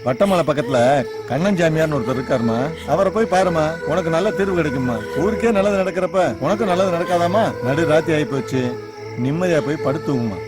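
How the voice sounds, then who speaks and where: An actor playing a gentle older man who softly comforts a grieving woman late at night. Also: on the high side, brisk, music in the background, lightly acted. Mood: comforting. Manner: soft reassuring advice. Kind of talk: Tamil horror film acting. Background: loud film score.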